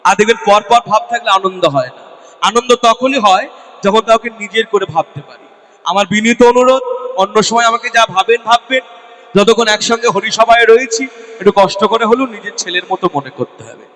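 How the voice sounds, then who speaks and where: A man's voice: high voice, moderate pace, a bit bright, long reverb tail. A man preaching at a devotional gathering as a kirtan singer, asking the listeners questions and answering them himself. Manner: asks the audience rhetorical questions and answers them; addresses the women listeners directly. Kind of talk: devotional sermon with call-and-response chanting. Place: devotional gathering before a live audience.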